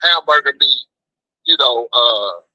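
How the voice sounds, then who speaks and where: An American man calls into a show as a guest, a food truck cook, chatting casually and telling stories in slangy, emphatic phrases he keeps repeating. His medium-pitched voice is expressive, bright and forceful, and he takes his time. The phone-call audio is muffled but has no room sound.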